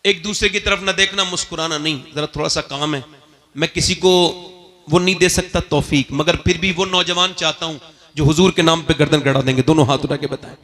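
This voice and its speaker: A man preaching an impassioned sermon to a gathering, rising into high pleading cries. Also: steady tone, a little fast, fairly bright tone. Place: religious gathering.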